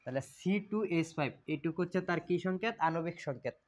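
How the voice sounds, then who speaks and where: A man's voice: on the high side, fast talker. A man teaching a chemistry lesson, repeating points and asking questions that he then answers himself. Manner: repetitive, asks and answers own questions. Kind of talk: classroom lecture. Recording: dull lo-fi recording.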